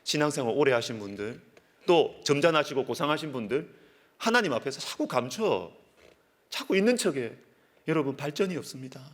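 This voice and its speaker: Pastor guy preaching, voice goes way up and down, hammers words over and over then drops quiet. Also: mid-range voice, expressive, fairly quick, long reverb tail. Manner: emphatic, repeats words for stress, swings from loud to hushed. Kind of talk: sermon.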